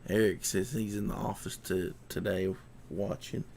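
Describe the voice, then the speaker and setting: A man's voice: low-pitched, level tone, normal speed, vocal fry, a little mellow, slight background noise. A man chatting casually and thinking aloud as he works, muttering to himself in a folksy, colloquial way. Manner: folksy, colloquial grammar with ain't. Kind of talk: casual chat while working at a computer.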